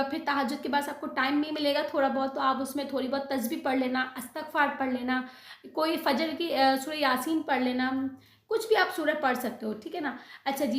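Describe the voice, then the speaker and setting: High-voiced woman teaching in an echoey room. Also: a bit bright. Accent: Pakistani Urdu. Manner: earnest, repeats "isn't it" tags. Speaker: religious teacher. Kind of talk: devotional talk with instructions.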